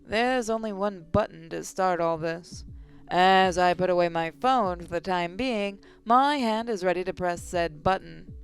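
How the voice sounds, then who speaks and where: A young woman voicing a nervous, excitable young female inventor, narrating in first person with a breathless, shaky voice. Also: lowish voice, unhurried, smooth, soft background music. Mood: brooding. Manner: breathless, voice shaking when excited.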